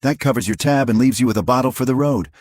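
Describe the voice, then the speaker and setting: Man doing a rough scary outlaw type from a western story, threatening, raspy, dry close sound. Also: medium pitch, fast talker, darkish tone, no echo, pitched above the performer's own voice, natural voice. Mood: menacing. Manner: threatening, cold. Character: rough menacing stranger, older man.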